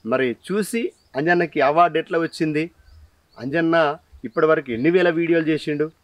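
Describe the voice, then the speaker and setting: Telangana guy hosting a talent show, kinda high voice, hypes everything up, no room sound. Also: dry recording. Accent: Telangana Telugu. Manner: energetic, promotional, frequent mm-hm backchannels. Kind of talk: casual interview.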